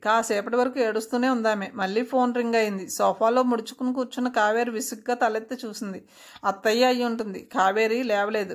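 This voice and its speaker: A woman narrating a written story aloud, in a steady, expressive reading. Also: fairly high pitch.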